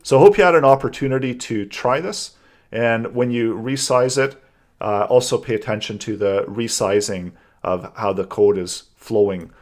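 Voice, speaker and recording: Calm man walking through a coding exercise. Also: on the low side. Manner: calm, methodical explaining while typing code. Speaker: coding instructor. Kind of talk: screen-recorded coding tutorial.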